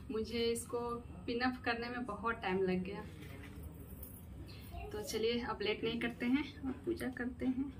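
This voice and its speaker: A woman talking casually to her viewers in a home vlog, speaking softly and often near a whisper. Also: fairly high pitch, background noise. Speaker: vlogger.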